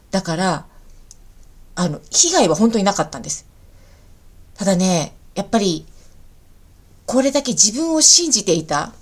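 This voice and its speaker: Friendly woman teaching in a podcast. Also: mid-range voice. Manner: friendly, explains patiently to learners. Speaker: Japanese teacher and podcast host. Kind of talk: podcast lesson monologue in easy Japanese.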